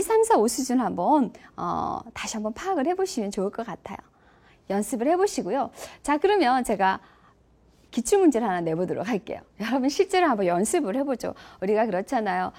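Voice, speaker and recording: Middle-aged woman teaching an online class, lively pitch that rides up and down, fairly high voice. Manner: engaging, asks audience questions. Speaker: lecturer. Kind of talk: online lecture on empathy.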